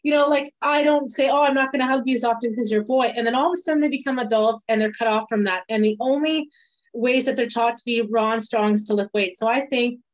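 A woman's voice: fairly high pitch, fast talker. A woman host in casual conversation, talking frankly and with animation. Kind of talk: casual podcast chat. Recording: dull lo-fi sound.

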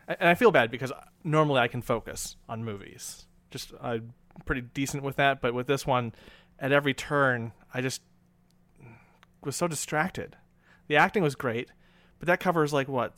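A man with a mid-pitched voice speaks in a very dry recording, free of room echo. He discusses a film casually and haltingly, breaking up his thoughts and mimicking his own reactions. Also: a bit bright. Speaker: movie review panelist.

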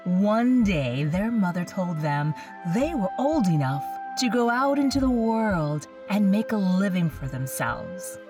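A woman's voice: mid-range voice, animated, distant mic, over music. A woman speaking as a horror host, telling scary stories in an ominous, dramatic, theatrical manner. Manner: slow, ominous, dramatic delivery. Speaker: host of a scary story series.

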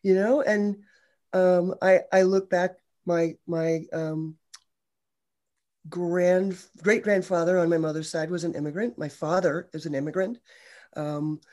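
A woman's voice: on the low side, fairly even intonation, a little slow, darkish tone. A woman social worker, a podcast guest, talking frankly and joking in casual conversation. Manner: frank, joking, self-correcting.

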